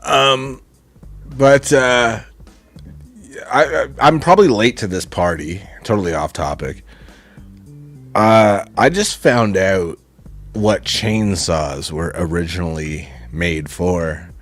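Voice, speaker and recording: A man's voice: deep voice, takes it slowly, a bit bright, faint music behind. A Canadian man co-hosting a casual live stream, talking in a loose, laid-back way and swearing freely. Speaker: co-host.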